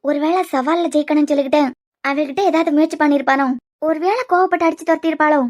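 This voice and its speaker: A woman's voice: sits high, steady tone, fast talker, lightly acted. A woman voicing a scheming stepmother villain in a cartoon series, muttering and gloating to herself with a Kanyakumari accent. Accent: Kanyakumari Tamil. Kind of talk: cartoon web series voice acting.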